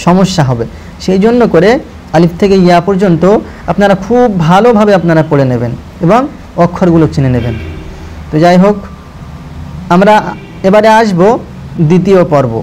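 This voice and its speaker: পুরুষ কোরআন শিক্ষক, প্রতিটি অক্ষর ধীরে ধীরে টেনে টেনে বারবার উচ্চারণ করে দর্শকদের ধৈর্য ধরে শেখাচ্ছেন।. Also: male voice, sits high, a little mellow, a little hiss or hum. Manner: repeats each letter slowly, drawing out vowels, patient instructive tone; addresses viewers directly, urging them to listen closely. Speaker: Quran reading teacher. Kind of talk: slow step-by-step recitation lesson.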